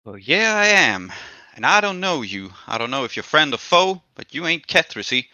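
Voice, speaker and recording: A man acts out a brash, cocky woman of the streets for a tabletop game. The voice is forceful and sharp, recorded dry. The talk is folksy slang, smug and territorial. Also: fairly high pitch, big pitch swings, normal speed, no room sound, lo-fi sound, voice pushed up, exaggerated voice. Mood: wary, defiant. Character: cocky streetwise female jackal claiming her turf.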